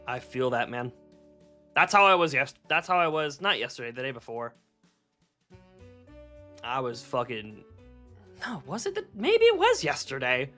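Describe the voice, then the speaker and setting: A streamer rambles through a casual live-stream chat, answering viewers' messages and laughing often. The delivery is bright and animated, full of swearing and quick self-corrections. Faint music plays in the background. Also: mid-range voice.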